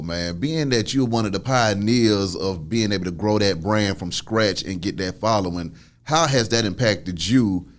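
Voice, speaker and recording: Hyped man hosting an interview. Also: on the low side. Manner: hyped, encouraging, lots of affirmations. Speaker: interview host. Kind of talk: casual interview chat.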